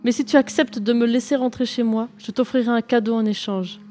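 A woman's voice: fairly high pitch, fairly even intonation, fairly quick, dark tone, faint music behind, close to an everyday voice. Woman doing a young storybook sea princess, scared and begging, lifted voice. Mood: imploring.

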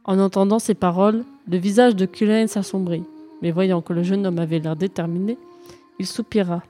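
Woman storyteller, steady storybook reading, faint music under. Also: medium pitch, moderate pace. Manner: calm, even reading of a fairy tale. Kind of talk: storybook narration.

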